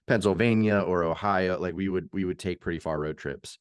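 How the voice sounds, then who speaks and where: Deep-voiced man, dry close sound. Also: a little fast, clear, resonant tone, no room sound. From United States. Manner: rambling, goes off on tangents, laughs often. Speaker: podcast co-host. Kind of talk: casual chat.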